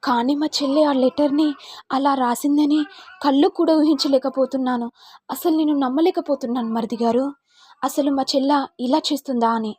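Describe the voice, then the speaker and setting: A woman's voice: high voice, fairly even intonation, fairly quick, dark tone, dry recording, close to an everyday voice. A woman doing a sly scheming sister-in-law. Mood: falsely sweet. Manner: falsely sweet, innocent-sounding.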